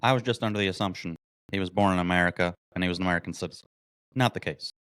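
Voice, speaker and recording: Male podcast host, indignant commentary, low-set smooth voice. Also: very fast, a bit bright, dry recording. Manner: mocking, indignant, reads articles aloud. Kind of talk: political commentary monologue.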